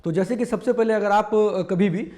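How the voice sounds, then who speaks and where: A man's voice: sits high, moderate pace, dark tone. A man casually teaching mimicry, explaining step by step with lots of fillers. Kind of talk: casual tutorial talk.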